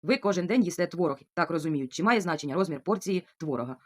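Fast-talking chatty woman. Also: fairly low pitch, lively intonation. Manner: chatty, confiding, keeps asking the viewer "you know?". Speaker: vlogger answering viewer comments. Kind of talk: casual chat to camera. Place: at home.

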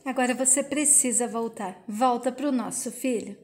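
A woman's voice: fairly high pitch, moderate pace, darkish tone, close to an everyday voice. A woman reading the lines of a young man's spirit who coaxes and urges. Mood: urging. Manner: coaxing, urgent. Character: departed young man's spirit, tender and insistent.

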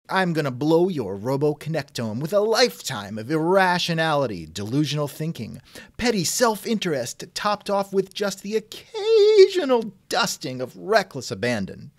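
A fairly high-pitched man hosts and interviews on a scripted comedy podcast, theatrical and wisecracking, close to the mic. No room sound is audible.

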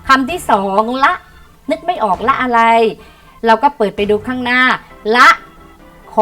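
A middle-aged woman teaches primary pupils in an online lesson, her voice a little high. She coaxes them gently and spells out each word slowly so they can say it back. Faint music plays under her voice. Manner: warm coaxing teacher talk, reads words aloud slowly for pupils to repeat.

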